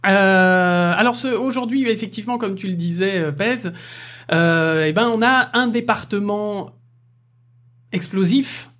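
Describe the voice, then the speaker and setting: A man's voice: high voice, unhurried, a bit bright. A man hosting a casual podcast interview, chatty and jokey, full of fillers. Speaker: podcast host.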